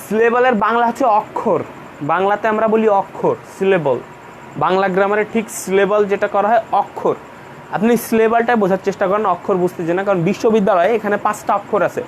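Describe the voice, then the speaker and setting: A man's voice: high voice, quick pace, a little hiss or hum. A man teaching an English grammar class in Bengali, explaining patiently and going over each point again. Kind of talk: online class lecture.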